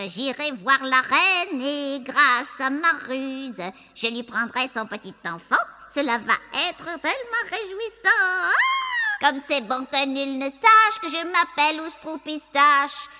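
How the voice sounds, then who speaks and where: A woman's voice: sits high, big pitch swings, takes it slowly, sharp tone, in a large hall, pitched above the performer's own voice, exaggerated voice. A woman voicing a mischievous little bearded male imp who taunts and cackles. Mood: singing gloat.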